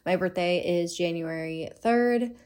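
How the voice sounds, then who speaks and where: A woman's voice: lowish voice, unhurried, darkish tone. Stuffy-nosed young woman chatting on a podcast. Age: late 20s. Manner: chatty, informal, frequent "like". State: sick, congested stuffy-nosed sound. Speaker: podcast host. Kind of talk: casual solo podcast talk.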